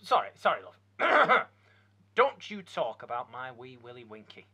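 A man's voice: mid-range voice, wildly swooping pitch, unhurried, pushed and bright, husky, heavily acted. A man doing a hapless, stammering husband. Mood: flustered. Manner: flustered, stammering.

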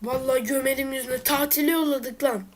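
A woman's voice: sits high, fairly even intonation, fairly quick. A woman giving let's play commentary with a stuffy nose, muttering at the game and breaking into frustrated exclamations. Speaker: let's player.

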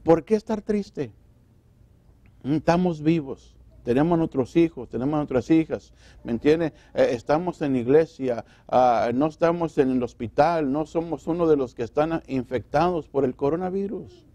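A man's voice: a little high, normal speed, warm tone, dry recording. A man preaching a sermon as pastor in a church, asking rhetorical questions and acting out what people say. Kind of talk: Spanish sermon.

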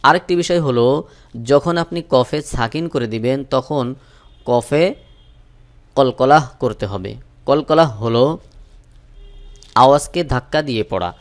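A man teaching Quran recitation, spelling out each letter slowly and then chanting the verses in long drawn-out tones. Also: mid-range voice.

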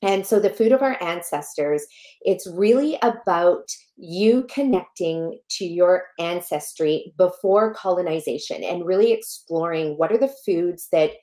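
A middle-aged woman speaks with a fairly low, even voice and strong emphasis, pressing her points. She is a guest on a podcast, talking through a headset from a room at home. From born in Malawi, raised in Canada. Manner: emphatic, passionate, gestures while talking. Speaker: guest, health educator. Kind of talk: podcast interview. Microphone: headset over a video call.

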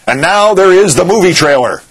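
A man's voice: high-pitched, animated, brisk, slightly rough, no room sound. Dry sardonic male news anchor. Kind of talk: wry broadcast news delivery. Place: TV news studio. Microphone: lapel mic.

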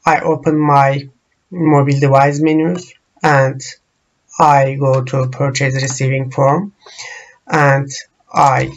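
Slow and halting, with plenty of pauses and fillers, this tutorial has a Turkish-speaking software trainer guiding viewers through software screens. He speaks at a medium pitch over dull audio with slight background noise.

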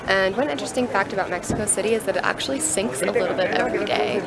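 A woman's voice: mid-range voice, racing, over a noisy crowd, low-quality recording. A woman in her thirties, a travel vlogger, chatting upbeat to a handheld camera as she walks busy city streets. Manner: chatty and upbeat, talking while walking. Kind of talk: walking tour vlog. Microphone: camera held at arm's length.

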